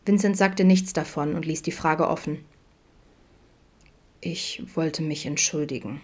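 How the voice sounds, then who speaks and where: Woman reading an audiobook, pretty low voice, calm and steady. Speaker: audiobook reader. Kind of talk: scripted narration of a fan fiction audiobook.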